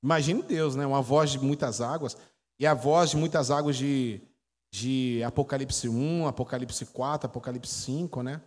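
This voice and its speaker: A man's voice: medium pitch, steady tone, moderate pace. A Brazilian man in his forties, a pastor giving a chatty teaching sermon, telling stories and quizzing his congregation. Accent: Brazilian Portuguese. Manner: chatty storytelling, quizzes the audience. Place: church hall. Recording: echoey church hall.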